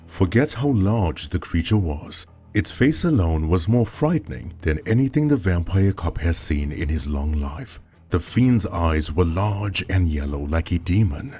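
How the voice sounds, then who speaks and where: A man narrating a scripted horror story as storyteller, with dramatic, expressive delivery. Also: low voice, a little slow, soft background music.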